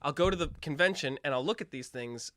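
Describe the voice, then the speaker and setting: Male co-host, bright and lively, crude and animated, dry close sound. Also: on the high side, fast, no echo. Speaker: podcast co-host. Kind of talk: casual chat.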